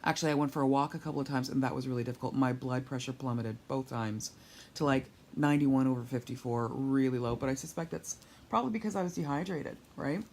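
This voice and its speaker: A woman's voice: rumbling low, quick pace, gravelly, few pauses, darkish tone, slight background noise. A woman, weak and sore after surgery, talking in a rambling, candid, wry way in a casual video diary recorded on a handheld tablet at home. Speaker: patient vlogger recovering from surgery. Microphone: tablet held overhead while lying down.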